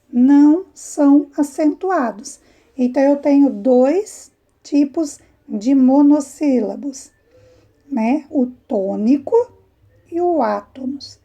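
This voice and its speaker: A woman's voice: sits high, dark tone. A woman, a primary school teacher giving a remote lesson to young children, explaining patiently with rising prompts.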